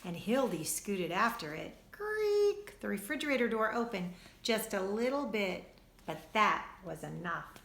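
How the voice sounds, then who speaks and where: A woman teacher reading a storybook aloud to children, expressive and speaking to them directly. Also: mid-range voice, moderate pace, creaky, roomy sound, a little hiss or hum.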